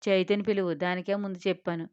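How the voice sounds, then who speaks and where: Woman doing proud defiant young woman, sharp retorts, smooth clear tone, dull lo-fi sound. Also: on the low side, flat delivery, quick pace, dry recording, natural voice.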